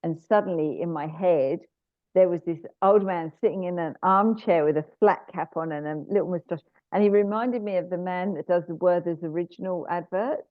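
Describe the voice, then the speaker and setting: A chatty, animated woman with a low-pitched voice, trading stories as a guest. She restarts sentences often and fills gaps with "you know." The sound is dry and thin, like a call over a phone line. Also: normal speed, no room sound. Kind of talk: casual interview chat.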